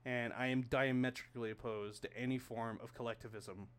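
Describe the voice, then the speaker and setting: A man's voice: medium pitch, fairly even intonation, a little fast, clean tone. A man in casual podcast chat, opinionated and sarcastic, lecturing at length on his political views.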